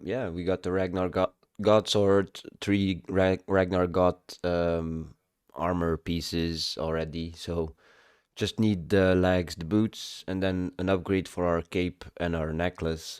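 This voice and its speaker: A man streaming a casual update on his game progress, halting with many ums, and he has the hiccups. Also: sits low, darkish tone, smooth, no echo, clean studio sound.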